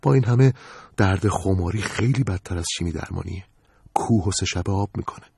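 A man doing a gentle, frail older woman. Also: deep voice, vocal fry, slightly rough, no room sound, heavily acted. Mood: tender.

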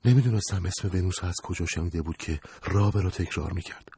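Husky low-voiced male storyteller. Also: dark tone, no room sound. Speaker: narrator. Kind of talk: scripted storytelling narration.

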